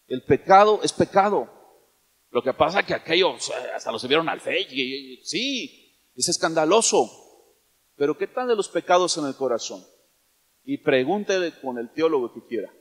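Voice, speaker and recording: High-voiced preacher in an echoey hall. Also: male voice, animated, moderate pace. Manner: emphatic, questions to the congregation. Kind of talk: sermon.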